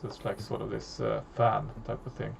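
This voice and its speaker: Gravelly male game master, hesitant, filler-heavy delivery. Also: fairly low pitch, flat delivery, slight background noise. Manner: halting, many fillers and restarts. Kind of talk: narrating a tabletop horror game.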